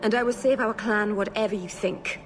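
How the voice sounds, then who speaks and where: A woman's voice: medium pitch, fairly even intonation, normal speed, soft background music, natural voice. An actress playing an earnest, somewhat awkward young female elf mage who speaks apologetically. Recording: game audio with clear noise.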